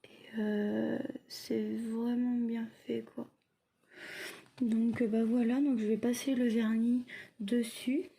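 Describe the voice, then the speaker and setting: Woman, mellow soft-edged tone, slow pace, hesitant halting phrasing, casual craft vlog review. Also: fairly high pitch, flat delivery, creaky, husky. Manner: hesitant, halting delivery with trailing, unfinished phrases. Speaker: craft video creator.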